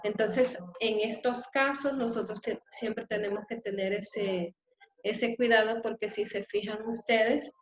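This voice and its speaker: A woman teacher giving a slow, patient class lecture, often checking in with the students. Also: a little high, steady tone. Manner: slow and explanatory, with frequent rhetorical "¿verdad?". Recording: roomy, dull lo-fi sound.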